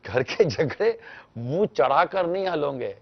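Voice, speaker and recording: A man answering a caller's question on a religious talk show, explaining gently and instructively and acting out small household exchanges. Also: a little high, lively intonation, lo-fi sound. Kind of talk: televised religious advice talk.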